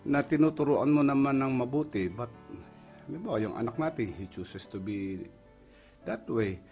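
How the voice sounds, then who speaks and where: A man's voice: medium pitch, lively intonation, a little slow, highs cut off, faint music behind. A middle-aged Filipino man, a pastor, giving an earnest personal testimony in Tagalog mixed with English. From Philippines. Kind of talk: emotional testimony on a radio program.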